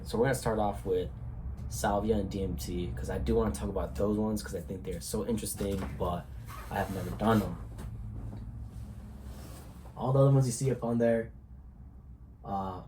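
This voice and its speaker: Low-voiced congested young man rambling. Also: background noise. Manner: rambling, loose, swears casually, many fillers. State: congested from a cold. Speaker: vlogger. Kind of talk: casual talk to camera.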